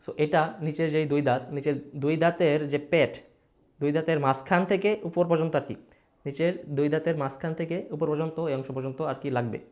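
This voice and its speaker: A man's voice: a little high, steady tone, fast talker, darkish tone. Patient man teaching Arabic letter sounds. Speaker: Quran recitation teacher. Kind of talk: slow explanatory lesson.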